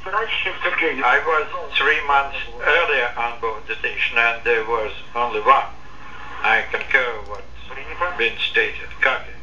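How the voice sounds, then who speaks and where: A man's voice: medium pitch, slow pace, pushed and bright. A man interpreting spacewalk instructions over a space-to-ground radio link, in clipped procedural phrases with some restarts. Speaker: interpreter on mission radio loop. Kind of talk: consecutive interpreting of spacewalk commands. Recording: muffled distant radio with hiss.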